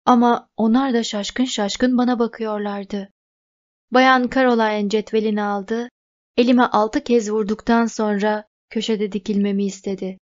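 A woman reading a novel aloud as audiobook narrator, in an even, measured way. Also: fairly high pitch. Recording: dull lo-fi recording.

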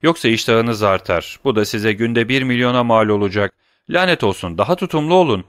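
A man voicing a calm, curt bandit chief in an audiobook. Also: mid-range voice, no room sound, studio quality, natural voice. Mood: cool. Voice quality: cool, unhurried, curt.

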